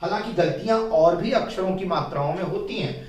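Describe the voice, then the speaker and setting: Male Hindi teacher, fairly high voice, slow, patient board explanations, recorded far from the mic in a very echoey room. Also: darkish tone. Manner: slow, explanatory, repeats key points. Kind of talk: whiteboard grammar lesson.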